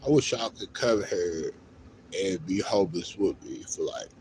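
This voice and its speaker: An American man talking casually to viewers in a halting, repetitive, rambling plea, outdoors on a street. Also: sits low, animated, a little mellow. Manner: halting, repetitive, with frequent 'you know'. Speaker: livestreamer appealing to viewers for help. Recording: noisy outdoor street, uneven level.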